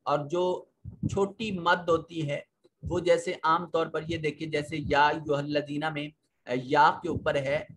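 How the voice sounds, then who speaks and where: A man with a Pakistani Urdu accent teaching a recorded Quran lesson, patiently explaining tajweed rules and slowly reciting verses. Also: a little high, fairly bright tone, slight background noise.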